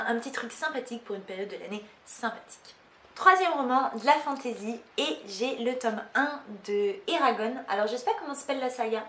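A woman's voice: on the high side, a bit bright. A woman vlogger chatting casually to camera, self-mocking, with many fillers. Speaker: book vlogger. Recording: roomy echo.

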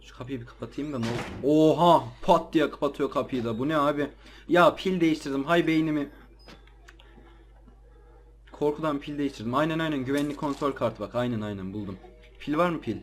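A man's voice: medium pitch, fast talker, slight background noise. A man with an ordinary, middle-range voice chats loosely to his audience as he plays. He sounds jittery and easily startled, and his casual talk jumps into yelps. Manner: jumpy, easily startled, slangy chatter to viewers. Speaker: let's play gamer. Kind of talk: casual gameplay commentary.

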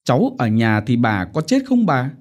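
A man's voice: medium pitch, wildly swooping pitch, moderate pace. A man voicing a young village woman who laments tearfully, read in an audiobook. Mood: lamenting.

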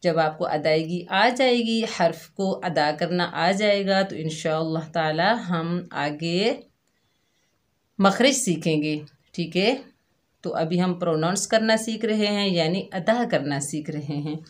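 A woman teaching children to read letters, stretching each sound out and coaxing them gently. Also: lowish voice, slow pace. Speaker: Quran reading teacher for children. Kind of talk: slow patient recitation lesson.

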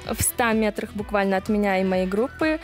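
A woman guest tells stories in a conversational way. Her voice is of middle pitch, recorded in a studio with faint music behind it. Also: brisk. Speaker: interview guest, nature park founder. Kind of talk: conversational storytelling. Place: small TV studio.

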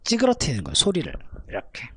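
A man teaching a vocal lesson, calmly explaining technique between high belted demonstrations. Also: fast talker, husky, dry recording, studio quality. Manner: explains calmly, then belts high shouted notes. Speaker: vocal coach.

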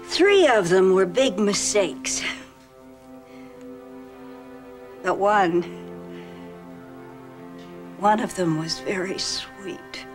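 A woman's voice: fairly high pitch, drawn-out words, pauses often, soft background music. An older woman playing a theatrical ageing film star in a TV drama, defiant yet sentimental, with dramatic delivery. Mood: wistful.

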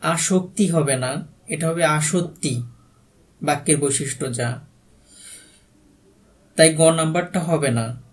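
A man's voice: on the high side, a little slow, long pauses. A man with a Bangladeshi Bengali accent, working as an exam prep tutor and reading out quiz questions, each followed by its answer and a brief explanation. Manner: reads each question then gives the answer plainly.

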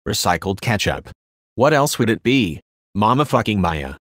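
A man's voice: lowish voice, sing-song, normal speed, fairly bright tone, no room sound, studio quality. A man voicing a grumpy, crude female goblin who snaps rudely at everyone. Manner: grumpy, snappish.

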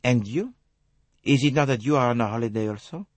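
A man's voice: mid-range voice, brisk, no room sound, voice pushed up, lightly acted. Hercule Poirot, a man putting on a prim detective. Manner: precise, formal. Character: fussy, dignified little male detective, proud.

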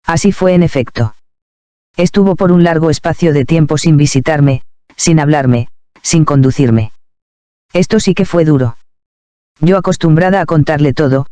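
A man's voice: on the high side, normal speed, smooth, no room sound. Man reading a devotional memoir reverently. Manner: calm, reverent first-person reading. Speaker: narrator. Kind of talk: scripted narration of a devotional memoir.

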